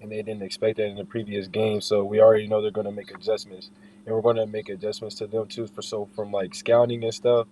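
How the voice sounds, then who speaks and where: Young male athlete, low mellow voice, casual interview answers, informal rephrasing, some background ambience. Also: little pitch movement, fast talker, a little hiss or hum. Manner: informal, repeats and rephrases points. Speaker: basketball player being interviewed.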